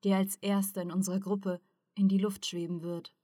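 Woman reading an audiobook story, mid pitch, steady and even, super dry close sound. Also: moderate pace, no echo. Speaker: narrator. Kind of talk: audiobook narration.

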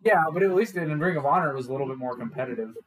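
A man co-hosting a podcast, chatting casually about wrestling in a joking, animated way. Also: a little high, racing, rough recording. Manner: joking, animated, laughs often. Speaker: podcast co-host.

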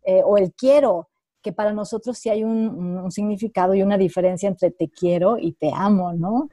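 A woman's voice: mid-range voice, normal speed, warm tone, no echo. A Mexican woman hosting a casual group conversation, asking questions with curiosity and animation. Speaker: host leading a group conversation.

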